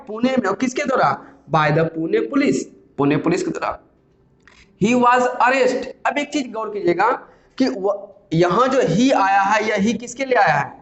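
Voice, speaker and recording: High-voiced male grammar teacher, echoey room. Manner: explains step by step, asks and answers his own questions. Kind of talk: Hindi grammar lesson with slow-read English sentences. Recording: echoey room, slightly dull sound.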